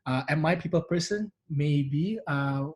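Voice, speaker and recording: A man's voice: a little high, unhurried, slightly rough, low-quality recording. A man from Indonesia with a mixed Singaporean and Indonesian accent, chatting animatedly as an interview guest with many restarts. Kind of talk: casual interview chat.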